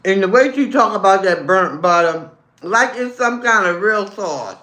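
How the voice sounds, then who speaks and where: A woman's voice: mid-range voice, expressive, moderate pace, a bit bright, echoey room. A woman hosting a casual livestream, chatting with viewers over her lunch, calling them baby and honey and humming as she chews. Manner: talks while chewing, hums over food. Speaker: livestream host. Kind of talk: casual live chat while eating lunch.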